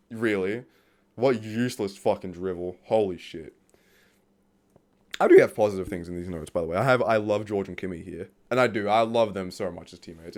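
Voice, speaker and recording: A man's voice: lowish voice, darkish tone. A man ranting off the cuff in a profane, exasperated way, laughing at times and reading from his notes as he talks. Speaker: vlogger. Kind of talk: unscripted rant about a TV series.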